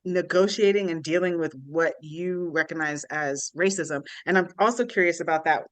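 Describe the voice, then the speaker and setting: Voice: medium pitch, normal speed, no room sound. A podcast co-host asking curious, thoughtful questions in a casual conversation, laughing often.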